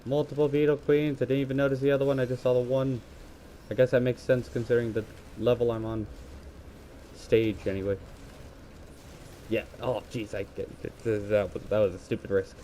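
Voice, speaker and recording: A gaming video creator with a scratchy, mellow, medium-pitched voice talks into a headset while playing. His tone is level and brisk as he gives rambling, self-correcting play-by-play commentary.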